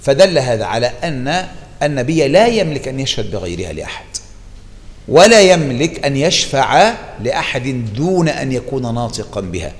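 A man with an Egyptian Arabic accent teaching a religious lesson, explaining a classical text in an animated way and repeating key phrases for emphasis. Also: medium pitch, a little fast, big-room sound.

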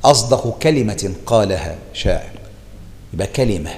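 An Egyptian-accented man teaches a religious lesson, animatedly unpacking a classical text and repeating important phrases. His voice is fairly low at a normal pace, trailing a long reverb.

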